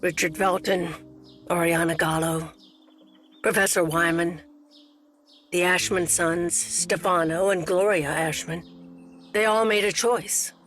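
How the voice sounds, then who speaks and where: An actress playing a haunted older narrator who recalls a buried past in a solemn video game monologue. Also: female voice, fairly low pitch, steady tone, a bit bright, soft background music. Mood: solemn, wistful. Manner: solemn, measured.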